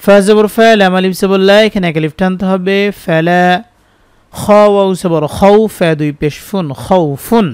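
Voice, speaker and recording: A man with a Bangladeshi Bengali accent teaching Quran reading, spelling each word letter by letter and then chanting the verses slowly. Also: high-pitched, fairly even intonation, darkish tone, smooth, no room sound, clean studio sound. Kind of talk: spelled-out Quran recitation lesson.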